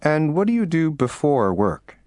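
A man's voice: a little high, big pitch swings, darkish tone. A man voicing a young student reporter who asks short street interview questions in scripted textbook audio. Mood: asking.

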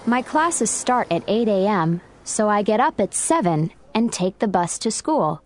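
A woman voicing a young woman answering a street interview in scripted textbook audio, with plain, even delivery. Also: medium pitch, no room sound, natural voice.

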